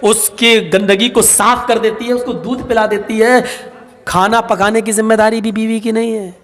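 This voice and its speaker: Patient questioning elder ruler, as a preacher puts him on, high voice. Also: male voice, flat delivery, a bit bright. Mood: coaxing. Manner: coaxing, questioning. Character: wise, patient caliph, older man, questioning. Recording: long hall reverb.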